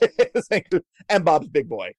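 A man co-hosting a casual chat, telling food history with wry, deadpan jokes. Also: a little high, a little slow, no room sound, studio quality. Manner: wry, deadpan jokes, laughs at own lines. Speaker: podcast co-host telling history.

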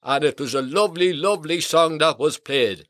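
A kindly old Santa Claus with a lilt, played by a man, sending rambling, folksy greetings. His voice sits high for a man. The sound is close and dry, with no room in it. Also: normal speed, no room sound, lightly acted. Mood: cheery. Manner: folksy, rambling, warm greetings, hearty ho-ho laughs. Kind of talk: in-character radio greetings.

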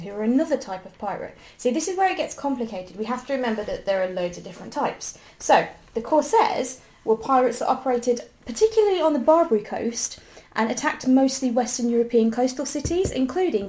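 A woman with a fairly high voice co-hosts a casual history podcast. She explains things at length and sets her co-host straight. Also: darkish tone.

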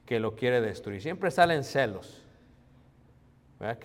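Pastor preaching in a reverberant hall. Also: male voice, mid-range voice, expressive, slow. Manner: conversational preaching, addressing the congregation as brothers. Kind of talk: sermon.

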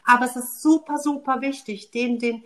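A woman sleep consultant speaks in a slightly high voice, warmly encouraging and reassuring in a relaxed podcast chat. She praises and explains in an easy, conversational way. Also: fairly quick.

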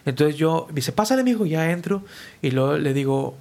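A man, speaking a touch higher than most men. He tells his stories loosely and with energy, drops slang, and slips into the voices of the people he quotes. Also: steady tone, moderate pace, creaky, a little mellow. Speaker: guest musician. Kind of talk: casual storytelling.

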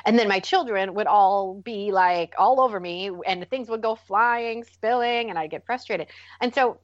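A woman guest on a podcast, talking earnestly about parenting and growing animated when she acts out what she says to her kids. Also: medium pitch, normal speed, dry recording, lo-fi sound. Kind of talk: conversational podcast interview.

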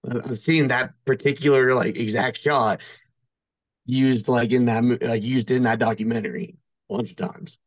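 A man appears as a podcast guest, chatting casually and telling personal stories in a rambling, hesitant way, saying "like" a lot. His voice is mid-range with fairly even intonation and a moderate pace, on a muffled recording with no room sound.

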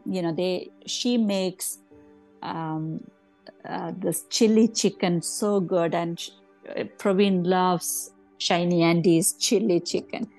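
A middle-aged woman, a grieving mother who recalls a family weekend in a halting, soft way. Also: fairly low pitch, rough recording. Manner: halting, soft, acts out remembered dialogue. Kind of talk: personal recollection.

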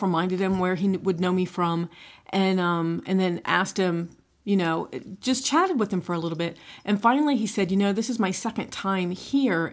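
Middle-aged female podcast co-host; casual, chatty, conversational. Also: on the low side. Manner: chatty, frequent "right?" and "you know". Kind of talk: casual chat.

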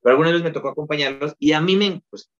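Mexican man, podcast guest, animated storyteller, slightly dull lo-fi sound. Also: on the high side, very fast. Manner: lively storyteller, many fillers like "este". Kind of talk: casual interview chat.

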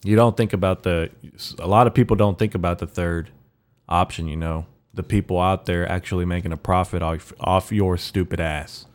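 A man with a raspy morning voice hosting a casual solo podcast, rambling haltingly with profane, slangy bro-talk. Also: low-pitched, steady tone. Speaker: podcast host.

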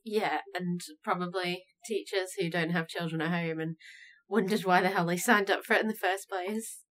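A woman's voice: lowish voice, fairly even intonation, normal speed, fairly bright tone, poor audio. A woman co-hosting a podcast in casual chat, with a blunt, jokey way of talking. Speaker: podcast co-host. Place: small booth, sharing a room with co-host.

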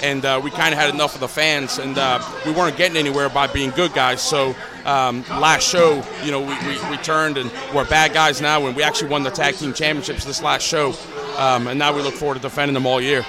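A professional wrestler from Newcastle, England, answers interview questions casually and with lots of fillers. His mid-range voice is brisk, with little pitch movement. Loud music and a crowd can be heard behind him.

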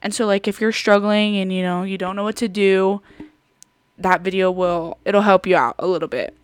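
A woman's voice: medium pitch, normal speed, smooth, dry recording. A young woman hosting a podcast in a casual, rambling chat full of fillers and giggles. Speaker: podcast host.

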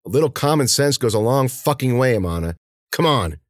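Man putting on a tough young woman, snappy and bossy, lively voice, dry sound. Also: medium pitch, a little fast, dry recording, pitched above the performer's own voice, lightly acted. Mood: angry. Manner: sharp, bossy, swearing. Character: tough, foul-mouthed young woman farm worker.

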